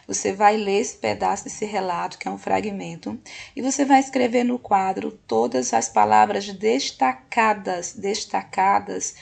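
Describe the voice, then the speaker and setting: Woman teacher, husky and gravelly, patient lesson delivery. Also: medium pitch, a little mellow. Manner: patient, slow, often checks in with "ok?". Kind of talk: recorded classroom lesson.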